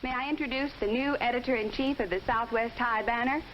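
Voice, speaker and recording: A woman's voice: a little high, brisk, over a noisy crowd, close to an everyday voice. A woman playing a formal, businesslike figure addressing school staff in an old educational film. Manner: formal announcing. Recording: muffled old film, voices over it.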